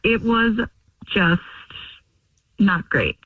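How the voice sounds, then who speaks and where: A woman's voice: mid-range voice, animated, drawn-out words, dry recording, far from the mic. Young woman caller on a tinny phone line. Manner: chatty, rambling with many fillers. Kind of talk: phone call to a radio show.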